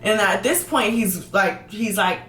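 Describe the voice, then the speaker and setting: Young woman vlogger, quick emphatic storytelling, roomy sound, set back from the mic. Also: medium pitch, fairly bright tone, far from the mic, faint music behind. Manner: fast, emphatic, repeats words for emphasis. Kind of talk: storytime vlog.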